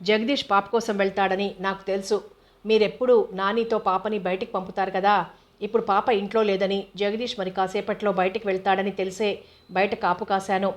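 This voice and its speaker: A woman's voice: medium pitch, level tone, normal speed, close to an everyday voice. Woman reading as a leering drunken man. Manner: sleazy, insistent. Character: predatory drunken male party guest. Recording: dull lo-fi recording.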